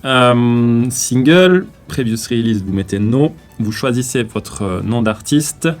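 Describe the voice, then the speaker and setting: A man with a French accent giving a casual, slangy music-marketing tutorial, often pausing with fillers while walking through an upload. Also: mid-range voice. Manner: slangy, hesitant with many fillers while clicking. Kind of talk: casual screen-recorded tutorial.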